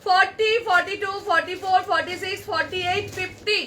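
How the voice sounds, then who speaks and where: High bright-voiced woman selling live. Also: fairly even intonation, brisk, slight background noise. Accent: Kolkata Bengali. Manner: chatty, addresses viewers directly, counts off sizes. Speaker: online clothing seller. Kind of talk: live-stream sales pitch. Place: shop. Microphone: phone camera.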